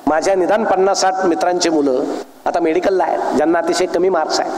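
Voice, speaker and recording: A man's voice: sits high, steady tone, fast, very noisy. A man giving a humorous speech to an audience, telling jokes and acting out the dialogue in his stories. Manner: storytelling with jokes, acts out dialogue. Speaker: public speaker. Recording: echoey hall with long reverb.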